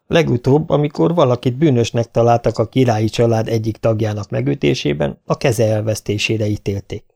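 Egy férfi, aki egy nyugodt, komoly trónörököst szólaltat meg, megfontoltan érvelve. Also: male voice, mid-range voice, creaky, darkish tone. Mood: grave. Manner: measured, reasoning. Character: calm, grave royal prince, heir.

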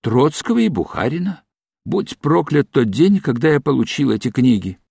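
A man voicing a frightened arrested doctor who pleads and breaks into hysterical shouts, read as an audiobook. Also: mid-range voice, very animated, normal speed, creaky, slightly rough, no room sound, studio quality, full character voice. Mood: pleading. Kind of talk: audiobook reading.

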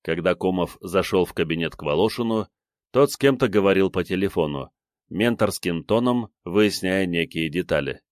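A man reads a postwar detective novel aloud in an expressive, vivid way. His voice sits on the low side and moves a lot in pitch. The recording is dry and close to the mic. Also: normal speed, dry recording. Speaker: audiobook narrator. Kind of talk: scripted narration.

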